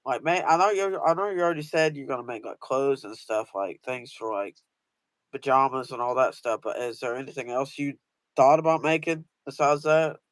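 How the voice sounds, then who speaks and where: A man's voice: mid-range voice, normal speed, dry recording. A man chatting casually as host, rambling through a story with many fillers and restarts. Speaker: host asking guest questions.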